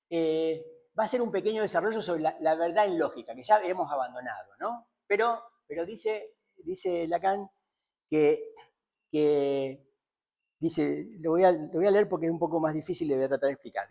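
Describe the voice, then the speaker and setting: A man's voice: on the high side, gravelly, a little mellow. Man lecturing, frequent tag questions. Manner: thinking aloud with many fillers, repeated tag questions. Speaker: seminar lecturer on psychoanalysis. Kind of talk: spoken seminar lecture.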